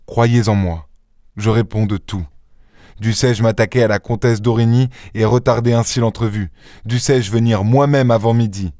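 Audiobook role: man reading a commanding gentleman protector, firm and measured, dry booth sound. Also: lowish voice, fairly even intonation, no echo, lightly acted.

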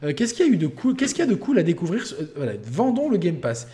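A man's voice: high-pitched, very animated, fast talker, mellow. A man hosting a casual gaming podcast chat, joking and laughing often. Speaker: podcast host.

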